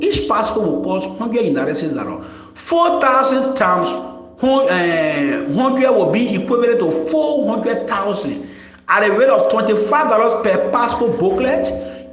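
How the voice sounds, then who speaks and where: A man's voice: high-pitched, fairly bright tone, roomy sound, rough recording. A young man from Liberia with a Liberian English accent, making an impassioned public statement as a former official and hammering home rhetorical questions. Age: young adult.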